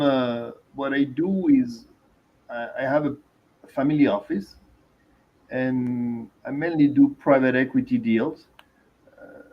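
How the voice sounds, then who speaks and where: A Venezuelan man with a Venezuelan Spanish accent introduces himself as an investor on a panel, sounding measured and hesitant. His pitch is medium and the audio is dull.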